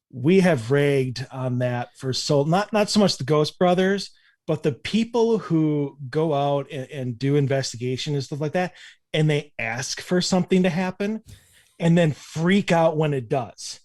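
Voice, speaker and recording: A man talking as a podcast guest in a relaxed way, with many fillers and halting starts. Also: fairly high pitch, no echo, clean studio sound. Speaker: convention director, guest. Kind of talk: casual chat.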